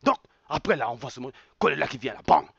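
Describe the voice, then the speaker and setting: An online commentator launches into an impassioned rant, repeating words again and again, tossing in mocking exclamations and local phrases. His mid-range voice moves quickly with lively intonation, vocal fry and a breathy edge. The recording is dry, dull and lo-fi.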